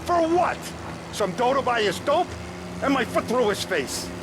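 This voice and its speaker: A seething mob boss. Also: male voice, very high voice, very animated, measured pace, noisy background, heavily acted. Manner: profane, seething, threatening. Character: hot-tempered middle-aged male mob boss. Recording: game audio with loud music.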